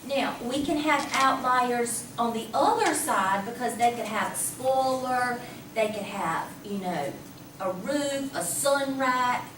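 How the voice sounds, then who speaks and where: High-voiced woman teaching in an echoey classroom. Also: slow pace. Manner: lively, conversational, asks the class questions. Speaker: math teacher. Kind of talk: classroom lecture. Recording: echoey classroom from a distance, faint hum.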